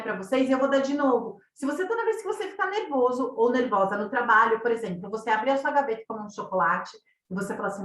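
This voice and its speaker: A woman's voice: a little high, a bit bright. A woman with a Brazilian Portuguese accent gives a casual, conversational masterclass as a running coach, often tagging her sentences with questions to the listeners. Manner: conversational, tags sentences with questions, acts out quoted thoughts. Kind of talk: online masterclass talk. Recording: roomy echo, distant from mic.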